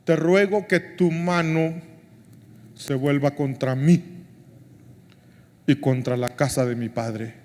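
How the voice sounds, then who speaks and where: A male pastor delivers an impassioned sermon in a high, slow voice. His words hang in the long reverb of a large church hall. He rises to near-shouts, then drops into hushed prayer. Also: fairly even intonation.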